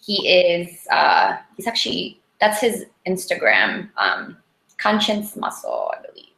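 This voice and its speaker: A woman with a Polish accent chatting casually and informally, in an animated, rambling way, as an interview guest. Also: fairly low pitch, measured pace, gravelly. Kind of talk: casual chat about diet. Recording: echoey, roomy sound.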